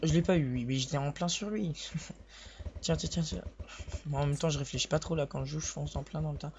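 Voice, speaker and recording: Young male gaming host, sore voice, soft and hesitant, dull lo-fi mic with faint hiss. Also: on the high side, fairly quick. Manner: hesitant, rambling, restarts sentences. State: sore voice, speaking softly. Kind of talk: live gameplay commentary.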